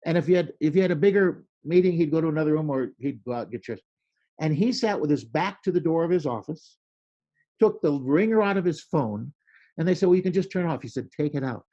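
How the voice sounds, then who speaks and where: A man telling animated stories in a casual interview, acting out quoted lines with a loud voice. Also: fairly high pitch, a little fast, lo-fi sound. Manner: animated storyteller, acts out quoted lines loudly. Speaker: podcast guest, creativity speaker.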